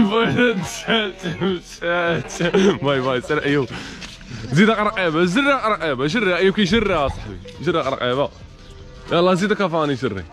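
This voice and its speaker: A young man with a Moroccan accent hosting a challenge game, urging the players on with rapid repeated calls and frequent laughter. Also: high-pitched, sing-song, music in the background. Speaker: host running a challenge game. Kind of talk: energetic game commentary.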